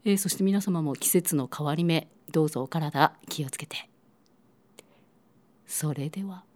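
Gravelly, hoarse low-voiced woman with a cold. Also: normal speed, a little mellow. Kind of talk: radio talk to listeners.

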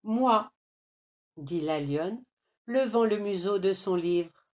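Slow, deliberate woman storyteller. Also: on the low side, animated, mellow. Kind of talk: read-aloud children's storybook narration.

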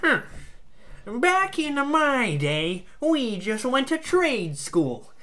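A grumpy old male inspector, voiced by a woman, speaks slowly and folksily, sizing everyone up. The voice sits very high and the pace drags. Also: very animated, fairly bright tone, full character voice. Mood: grumbling. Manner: folksy, slow and suspicious. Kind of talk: amateur audio drama acting.

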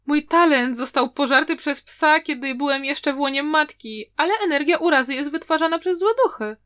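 Woman reader playing a young male student, gossipy, envious, wistful, high and light, storybook. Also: normal speed, fairly bright tone. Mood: wistful musing. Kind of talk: audiobook character reading.

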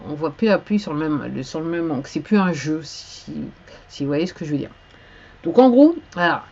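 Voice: medium pitch, animated, moderate pace, a little mellow, a little hiss or hum. A singer-songwriter from France chatting unscripted on a live stream, rambling and hesitant with many restarts. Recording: slightly dull lo-fi sound.

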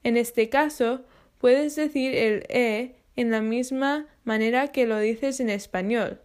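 A woman giving a scripted English pronunciation lesson, spelling out sounds slowly and carefully. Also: a little high, darkish tone. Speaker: English teacher.

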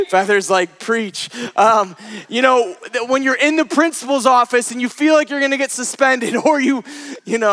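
Young male pastor, high voice, lively storyteller who laughs a lot on stage. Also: clean tone. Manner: animated, laughs often, self-deprecating. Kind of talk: storytelling sermon. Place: church with live audience.

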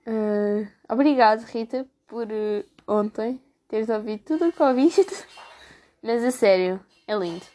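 Chatty teen girl with a high voice. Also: measured pace, warm tone. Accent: European Portuguese. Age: teens. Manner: chatty, gossipy, slangy, mimics classmates. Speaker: student vlogger. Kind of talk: casual chat.

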